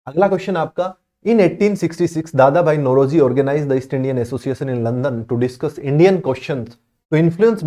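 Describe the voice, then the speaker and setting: Here a coaching teacher works through history exam questions with students, slowly reading each one in English, then explaining in Hindi with frequent checks for understanding. He speaks at a medium pitch with a warm tone.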